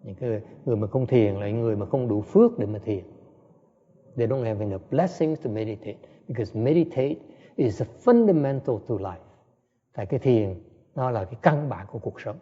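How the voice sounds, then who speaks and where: Male zen teacher, blunt and scolding, warm mellow tone, dull lo-fi recording. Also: mid-range voice, normal speed, slightly rough. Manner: blunt, scolding, checks in with "Okay?". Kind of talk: dharma talk, self-interpreted.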